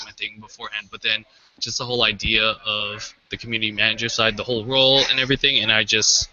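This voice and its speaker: A man's voice: on the low side, bright, forceful tone. A young man on a panel video call, talking casually and hesitantly. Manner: casual, hesitant, lots of "kinda". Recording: muffled video call audio.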